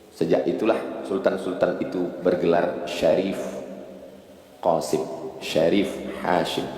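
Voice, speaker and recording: A man preaching an Islamic sermon to a congregation in with a tinge, animated and joking, shooting up to very high pitch for emphasis. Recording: echoey hall from a distance.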